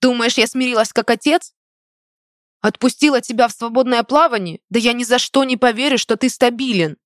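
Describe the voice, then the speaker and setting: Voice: medium pitch, a little fast, dry recording, studio quality, voice pushed up, natural voice. A reader voicing a domineering, wealthy middle-aged mother who scolds her grown son in an audiobook. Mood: indignant scolding. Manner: hissing, scolding, indignant.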